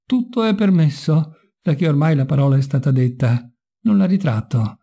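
Man voicing bitter young intellectual, sardonic, dark mellow tone, audiobook. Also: fairly high pitch, expressive, normal speed, slightly rough. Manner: sardonic, wry.

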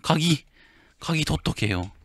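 A male game streamer playing a horror game, reading the story text softly and breaking into loud, excited outbursts between lines. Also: a little high, slow, dry recording, studio quality. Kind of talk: horror game playthrough, reading dialogue aloud with commentary.

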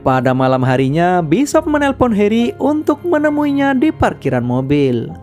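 A woman giving scripted narration that retells a film's plot in a steady storytelling manner. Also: mid-range voice, moderate pace. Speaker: film recap narrator. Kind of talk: scripted film recap narration. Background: background music.

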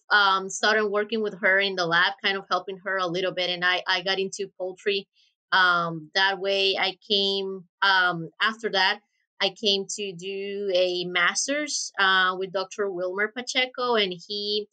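A woman's voice: medium pitch, pushed and bright. A woman in her thirties from Honduras with a Honduran Spanish accent, answering interview questions thoughtfully with many hesitations. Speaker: guest researcher. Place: office with window blinds. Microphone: webcam video call.

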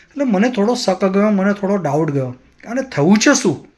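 A man's voice: high-pitched, big pitch swings, normal speed, a little mellow. A man vlogger telling a personal story in an earnest, moralizing way.

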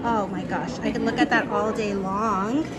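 A woman's voice: mid-range voice, fairly even intonation, normal speed, loud music behind the voice. A woman fashion vlogger stopping people on the street, gushing compliments about every item they wear. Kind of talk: upbeat street interview. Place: city street and shops.

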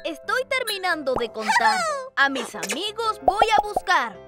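A performer voices a playful, adventurous young lion cub for a children's cartoon, narrating in sing-song, exclamatory rhymes with a determined mood. The very high-pitched, heavily acted voice swoops wildly and moves a little slowly over loud music.

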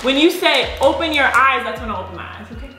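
A woman co-hosting a casual challenge vlog, expressive and squeamish, laughing through complaints. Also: sits high, quick pace, roomy sound, faint music behind. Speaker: vlog co-host.

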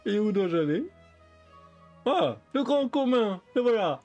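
Jokey, animated French streamer man. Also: high voice, a little slow, muffled recording, faint music behind. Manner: jokey, mock-pompous, often talking to the game characters. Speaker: streamer playing a game. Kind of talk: live gameplay commentary.

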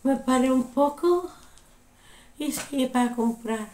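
Mujer joven que cuenta una anécdota con voz aguda. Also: female voice, sits high, takes it slowly, roomy sound. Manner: animated, repeats exclamations. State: unwell, recovering from illness. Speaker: vlogger. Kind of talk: casual storytelling.

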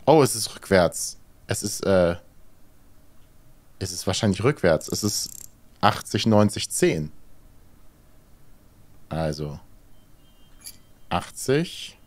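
A man doing casual let's play commentary, thinking aloud hesitantly as he plays. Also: sits low. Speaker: let's player, horror game streamer.

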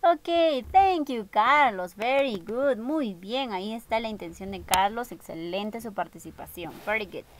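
A woman leads an English lesson in a slightly high voice. She repeats each phrase in both languages and keeps a patient, encouraging tone with her class. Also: lively intonation, a little slow, few pauses, slight background noise. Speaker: English teacher. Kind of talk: bilingual online class.

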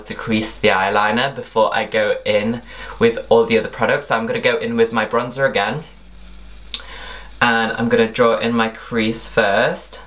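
A man's voice: mid-range voice, fairly bright tone. Young man presenting a makeup tutorial. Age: young adult. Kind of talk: instructional tutorial narration.

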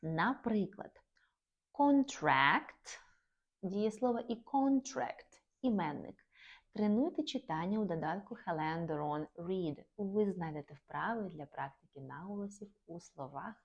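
A woman giving a scripted lesson on word stress in English pronunciation, saying each example word with deliberate stress. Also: fairly low pitch, darkish tone, muffled recording. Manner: clear, deliberate explanations with stressed example words. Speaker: English teacher.

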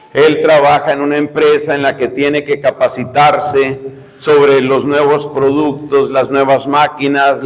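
A man's voice: medium pitch, in a large hall, dull audio. A man preaching a sermon, speaking straight to his listeners and repeating key phrases. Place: church retreat hall.

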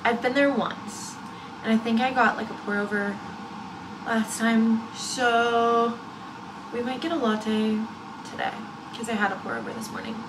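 A woman's voice: a little high, steady tone, a little slow, noisy background. A young woman in her twenties vlogging casually, chatty and upbeat as she rates coffee drinks. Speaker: vlogger reviewing coffee shops. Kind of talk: casual vlog. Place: car and cafes. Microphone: handheld camera or phone close up. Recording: music playing underneath.

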